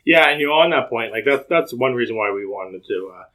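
A man's voice: mid-range voice, animated, brisk, a bit bright. A man co-hosting a podcast, joking and laughing his way through a sponsor read. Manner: jokey, laughs during sponsor reads. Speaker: podcast co-host. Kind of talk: casual podcast chat.

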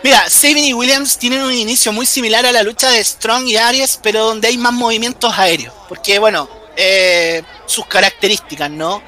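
A man's voice: sits high, steady tone, normal speed, hardly any pauses, bright, forceful tone. A man with a Chilean accent doing casual wrestling commentary in a slangy, jokey, enthusiastic fan's way. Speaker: wrestling commentator, podcast host.

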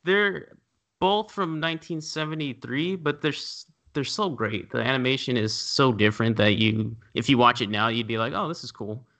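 A man co-hosting a casual podcast, relaxed and loosely searching for words as he describes films. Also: mid-range voice, normal speed. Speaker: podcast co-host. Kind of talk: casual chat.

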